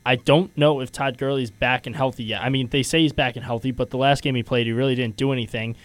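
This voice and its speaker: A man's voice: medium pitch, fairly even intonation, quick pace, dry recording. A young man hosting a casual sports radio show, steering the talk and teasing his co-hosts. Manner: leads the segment, teasing, laughs often. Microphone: headphones and studio mic.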